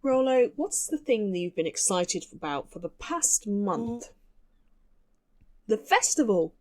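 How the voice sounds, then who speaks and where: A woman's voice: medium pitch, big pitch swings, a little slow. A woman playing through a story game in casual commentary, reading the characters' lines aloud and reacting with laughs and asides. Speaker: streamer. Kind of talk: casual let's-play commentary. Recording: game music behind.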